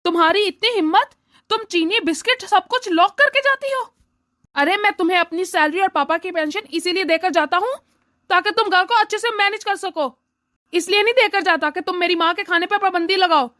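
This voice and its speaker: A woman voicing a grown son and brother in a cartoon story, earnest and quick to anger. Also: very high-pitched, sharp tone. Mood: outraged. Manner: earnest, outraged. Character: grown son and brother, earnest, hot-tempered then apologetic. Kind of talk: cartoon voice acting.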